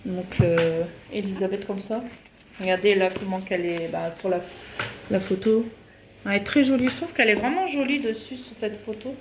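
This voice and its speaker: A woman's voice: mid-range voice, moderate pace. Chatty woman in an echoey room. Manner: chatty, hesitant, many fillers. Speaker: vlogger. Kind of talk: casual book show-and-tell. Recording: echoey room with faint noise.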